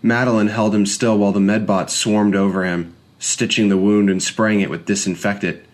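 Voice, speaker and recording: A man with a lowish voice reads a first-person story aloud as audiobook narration. His delivery is measured and reflective. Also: flat delivery.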